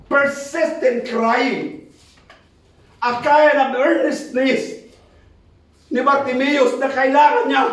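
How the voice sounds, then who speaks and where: Man, sermon, very high voice, booming hall echo, mixes Tagalog and English. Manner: mixes Tagalog and English, reads scripture aloud; emphatic, swings between fast urging and slow drawn-out lines. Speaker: preacher. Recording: very echoey hall, mic far off.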